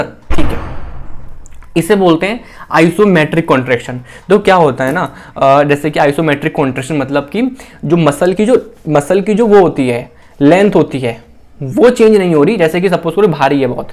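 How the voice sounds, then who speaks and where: A man with an Indian accent teaches in a relaxed lecture style, with a voice that sits a little high for a man. He repeats key phrases and keeps asking the listener questions as he explains. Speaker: physiology teacher. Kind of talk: casual classroom lecture.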